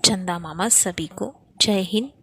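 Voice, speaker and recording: A woman teacher reads a textbook play aloud to young pupils at a very slow, careful pace. She pauses to explain difficult words and to announce page numbers. Her voice sits at an ordinary middle pitch. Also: fairly bright tone, breathy edge.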